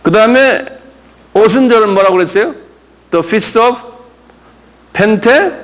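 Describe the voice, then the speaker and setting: An older man, a pastor, teaching a Bible lesson and drilling terms, asking his class questions and having them repeat words after him. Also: sits high. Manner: explains slowly, with many fillers and questions to the class.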